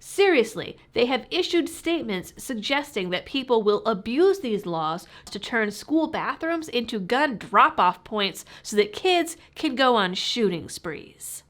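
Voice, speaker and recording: A woman's voice: on the high side, big pitch swings, unhurried, hardly any pauses, a bit bright. A woman with a cold, her voice stuffy and muffled as if talking through a fishbowl, hosting a political commentary channel with sarcastic, pointed delivery.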